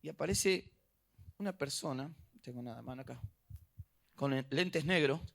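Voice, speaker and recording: A middle-aged man with an Argentine accent preaching a sermon, dramatic, going from soft asides to loud emphatic bursts. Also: mid-range voice, moderate pace, vocal fry. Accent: Argentine Spanish. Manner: animated preaching, acting out little dialogues, swinging from soft to loud. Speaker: pastor.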